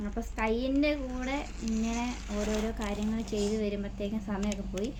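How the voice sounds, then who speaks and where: A woman's voice: on the high side, level tone, brisk, background noise. A woman with a Malayali accent, a vlogging mother who talks to her baby in coaxing, teasing baby talk and chats to viewers. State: toothache. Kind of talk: family vlog, talking to baby and viewers.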